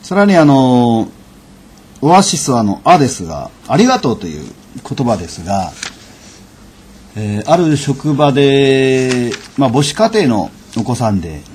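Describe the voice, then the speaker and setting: A man giving a lecture and telling an anecdote in a measured, unhurried way, with frequent fillers. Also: mid-range voice, very animated, darkish tone, a little hiss or hum. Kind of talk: storytelling lecture.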